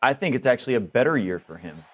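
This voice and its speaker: A man's voice: medium pitch, very animated, fast, fairly bright tone. A man co-hosting a sports radio show, making his points emphatically. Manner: emphatic and argumentative. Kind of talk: casual sports analysis.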